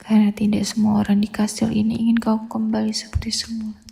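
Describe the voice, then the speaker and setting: A woman's voice: a little high, completely flat delivery, fast, vocal fry, mellow. A woman in an ASMR role-play, playing a mysterious, seductive castle woman with a sultry, teasing delivery. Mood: hushed, sultry, ominous. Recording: long reverberant hall echo.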